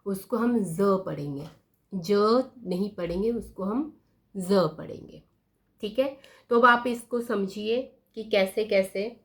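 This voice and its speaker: A woman teaching a lesson, writing words on a board and repeating each one slowly, often asking her pupils questions. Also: medium pitch, fairly bright tone. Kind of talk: slow classroom explanation at a board.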